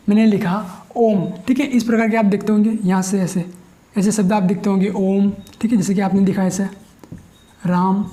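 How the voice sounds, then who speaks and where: Dictating slowly while he writes, a male teacher works through a grammar lesson, repeating phrases and posing questions he answers himself. He has a high-pitched voice with a dark tone.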